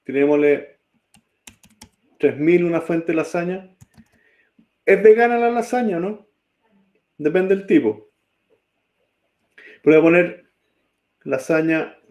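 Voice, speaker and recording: A man teaches a coding lesson at an unhurried, drawn-out pace. His voice sits a little high for a man but sounds soft and mellow. Keyboard clicks come through as he types and keeps checking in with his class. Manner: slow, checks in often with students. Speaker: programming teacher.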